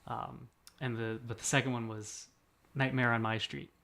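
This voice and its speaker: A young man in his twenties with a gravelly, creaky voice, talking casually as a podcast co-host. He rambles through stories with self-deprecating humor and laughs often. His pitch sits in an ordinary middle range. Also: flat delivery, normal speed, fairly bright tone. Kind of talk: casual chat.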